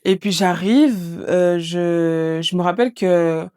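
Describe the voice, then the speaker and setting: A woman's voice: on the low side, steady tone, slow, darkish tone, smooth. A young woman from Mayotte, a podcast host telling her own life story in a casual, colloquial way, swearing now and then and acting out what others said. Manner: colloquial and candid, swears, acts out the voices of others.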